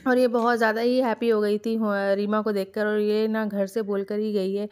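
A woman's voice: mid-range voice, flat delivery, normal speed, darkish tone, clean tone. A woman giving a casual voice-over for her family vlog, chatty and rambling, with frequent fillers and restarts. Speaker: family vlogger.

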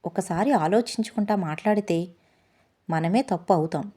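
A woman voicing a gentle, wise magical bull in a children's storybook, speaking softly and patiently. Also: medium pitch, moderate pace, slightly rough, natural voice. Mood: gentle advice. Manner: soft-spoken, patient teaching.

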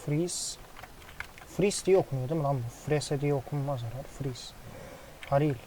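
Excitable man calling a football game. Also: mid-range voice, brisk, a little hiss or hum, low-quality recording. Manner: excitable play-by-play, swears casually. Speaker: gaming commentator. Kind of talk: casual football game commentary.

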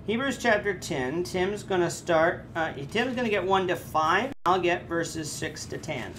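A man's voice: unhurried, slight background noise. A man in his thirties teaching a Bible class, earnest and explanatory, with frequent hesitations. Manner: earnest, with lively rises in pitch and frequent hesitations. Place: indoors before a red curtain. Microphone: camera framed chest-up.

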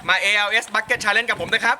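A man's voice: sits high, steady tone, brisk. Man exclaiming in ice cold water, noisy recording. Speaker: company steel seller taking a charity challenge. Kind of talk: ice bucket challenge video announcement. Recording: noisy amateur video with background noise.

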